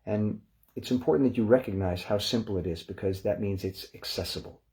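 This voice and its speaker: A man leading a guided relaxation session, speaking in a calm, unhurried, gently instructive way. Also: fairly low pitch.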